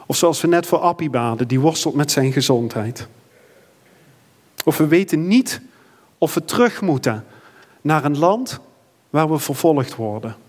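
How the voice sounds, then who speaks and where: A man's voice: fairly high pitch, expressive, a little slow, pauses often, slightly rough, in a large hall. A man preaching a sermon and leading prayer in a church, earnest and building to fervent emphasis. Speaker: pastor.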